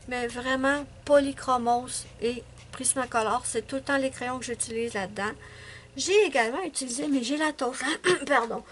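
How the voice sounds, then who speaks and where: A woman's voice: high voice, a little hiss or hum. A woman with a Québécois French accent, chatting casually about her coloring pages, rambling with many hesitations and self-corrections. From Quebec, Canada. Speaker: adult coloring YouTuber. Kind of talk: casual chat showing finished coloring pages.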